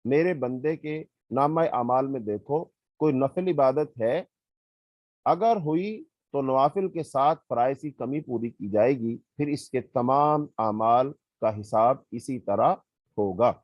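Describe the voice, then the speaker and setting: A man with a Pakistani Urdu accent, teaching a religious lesson in a measured, explanatory way and reciting Arabic verses. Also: medium pitch, no echo, dull audio. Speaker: hadith teacher. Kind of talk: religious lecture.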